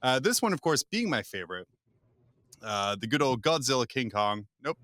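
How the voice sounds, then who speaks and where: Lively, bright-voiced male podcast host. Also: medium pitch, moderate pace, no room sound. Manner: joking, animated, frequent laughs. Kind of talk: casual chat.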